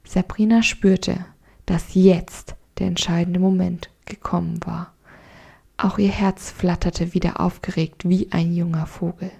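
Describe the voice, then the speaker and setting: Young woman host, slow and mellow with gravel, reading stories and encouraging listeners. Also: lowish voice. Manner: calm, gentle, encouraging. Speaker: podcast host and storyteller. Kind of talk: short story reading and motivational talk.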